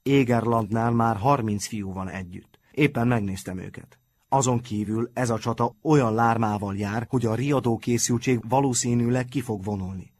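A man voicing a kind grown-up calmly advising a group of boys in a storybook reading. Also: medium pitch, lightly acted.

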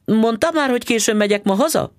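A man's voice: extremely high pitch, expressive, no room sound, clean studio sound, voice pushed up. A man voicing a smug, stingy middle-aged male dentist who talks down to his wife. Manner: patronizing.

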